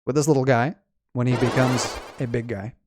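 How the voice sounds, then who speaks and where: A man's voice: mid-range voice, fairly even intonation, normal speed. A man giving casual game commentary, musing aloud and explaining as he plays. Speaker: game streamer explaining game music. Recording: music playing behind the voice. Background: video game music.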